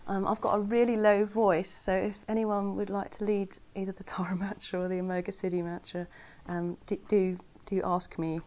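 Speaking to her Buddhist community in a casual Dharma talk, she has a medium-pitched, darkish voice with a level tone, a moderate pace and few pauses. Her manner is sincere and chatty, often poking fun at herself, and the audio sounds a bit muffled.

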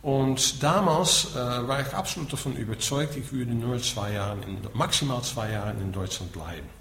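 Speaking as a Buddhist teacher, a middle-aged man from the Netherlands gives an explanatory lecture in a Dutch accent, frequently tacking a brief questioning word onto his points. His mid-range voice is slightly bright and moves at normal speed. Faint noise and echo fill the room.

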